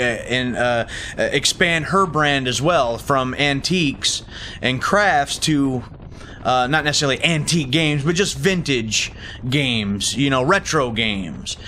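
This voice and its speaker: A man talking casually inside a motorcycle helmet as a motovlogger, rambling and thinking aloud with halting restarts. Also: medium pitch, pushed and bright, a little hiss or hum. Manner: halting, thinks aloud with repeated false starts. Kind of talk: casual rambling vlog talk.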